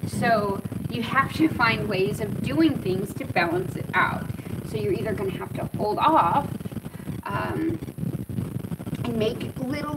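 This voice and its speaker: Casting: American female vlogger, 30s, candid and meandering, recorded from afar outdoors over heavy ambient noise. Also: on the high side. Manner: rambling, candid, trailing off. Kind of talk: casual personal vlog talk. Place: outdoor covered patio with dogs. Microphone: camera a few meters away. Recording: distant mic, loud outdoor ambient noise.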